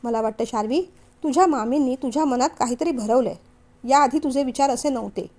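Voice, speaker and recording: A woman's voice: sits high, brisk, a little mellow. A woman reading a young man's lines in a family novel, firm and earnest. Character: young man, firm devoted son, steady.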